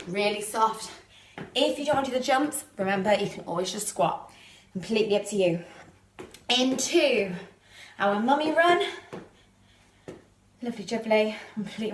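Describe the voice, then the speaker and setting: A woman's voice: a little high, reverberant, a little hiss or hum. A woman leading a live home workout, chatty and a little out of breath, laughing at her own slips while she demonstrates the moves. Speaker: fitness instructor. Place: living room.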